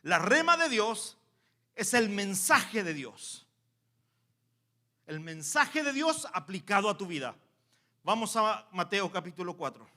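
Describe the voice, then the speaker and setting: A man preaching a sermon in church as pastor, swinging from quiet asides to loud exhortation and calling the congregation to repeat after him. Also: high voice, sing-song, slow pace, pauses often.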